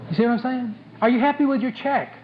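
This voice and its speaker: A man's voice: very high-pitched, quick pace. A man giving a motivational speech to a sales audience, blunt and joking, repeating his key points for emphasis. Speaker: motivational speaker at a sales conference. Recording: dull lo-fi tape with faint background noise.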